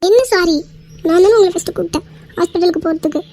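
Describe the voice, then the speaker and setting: A woman voicing an angry, hurt young wife in a cartoon skit, scolding with quick indignant retorts. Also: very high voice, steady tone, dark tone.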